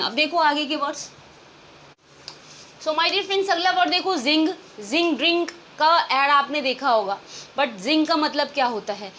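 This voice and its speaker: High-voiced woman teaching vocabulary in Hindi. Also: fairly bright tone, slight background noise. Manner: explains in Hindi mixed with English, often asks and answers her own questions. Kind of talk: exam-prep vocabulary lesson.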